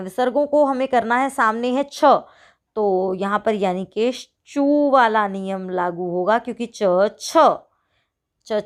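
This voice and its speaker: A woman teacher going through a worksheet for her pupils, asking questions and answering them herself, and reading each example out slowly. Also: a little high. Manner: talks to pupils as children, asks and answers her own questions. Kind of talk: online worksheet walkthrough.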